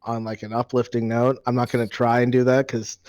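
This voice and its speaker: A man improvising narration as game master of a tabletop game, halting and pausing mid-phrase. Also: medium pitch, flat delivery, darkish tone, no room sound.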